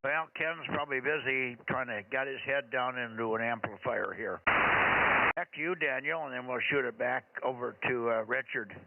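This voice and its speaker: Gravelly man on a crackly radio. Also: mid-range voice, phone-quality sound. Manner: rambling, chatty, hesitant pauses. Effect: two-way radio transmission. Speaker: radio net controller. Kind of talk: casual amateur radio net with call signs. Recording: thin crackly radio, loud static and clicks.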